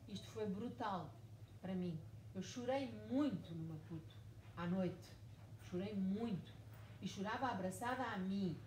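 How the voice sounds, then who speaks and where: Her voice is medium in pitch and a little mellow. This forty-something author from Mozambique is a guest at a live book event in a bookshop's event room, where she tells her story forcefully, circling back to the same points again and again. A far-off mic captures it amid echo and noise.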